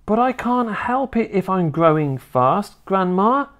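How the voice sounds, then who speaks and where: A woman's voice: medium pitch, big pitch swings, measured pace, pitched above the performer's own voice. A woman voicing an earnest eight-year-old boy in a children's storybook, plaintive, innocent and objecting. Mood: protesting.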